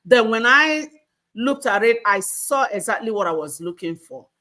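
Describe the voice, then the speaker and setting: A woman guest on a video call gives an earnest, heartfelt personal testimony. Her voice is bright and forceful. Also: a little high, animated, moderate pace.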